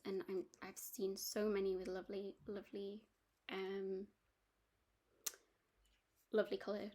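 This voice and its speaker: A woman with a gravelly, mid-range voice chats casually about her cross-stitch projects. She rambles with plenty of ums and restarts, and she has the hiccups.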